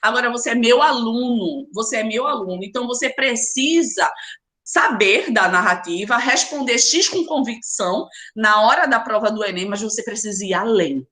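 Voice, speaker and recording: A woman's voice: fairly high pitch, moderate pace, pushed and bright. Emphatic Brazilian woman teaching literature. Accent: Brazilian Portuguese. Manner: emphatic, urging, talks straight to students by name. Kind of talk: live online class lecture.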